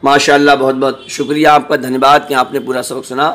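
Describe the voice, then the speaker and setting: A man teaching a Quran lesson online, slowly reciting and repeating each Arabic word, then explaining quickly and gently reassuring his learners with small jokes. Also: medium pitch, flat delivery.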